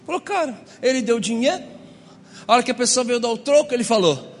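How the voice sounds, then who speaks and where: A Brazilian man preaching a lively, humorous sermon, acting out the voices in his stories. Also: very high voice, fast, in a large hall. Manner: animated, acts out quoted voices. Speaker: pastor. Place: church hall.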